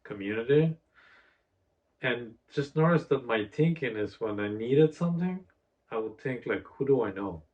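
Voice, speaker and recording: A Bulgarian podcast host with a Bulgarian accent tells stories earnestly in a casual conversation, his delivery broken by halting restarts. His mid-range, darkish voice has lively intonation, and the recording sounds dull and lo-fi.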